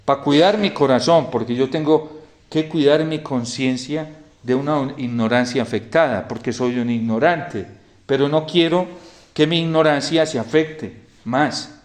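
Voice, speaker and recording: A male priest preaching a homily in a storytelling manner, often falling to a quiet hush. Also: medium pitch, unhurried. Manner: storytelling, drops to a soft hush in quoted lines.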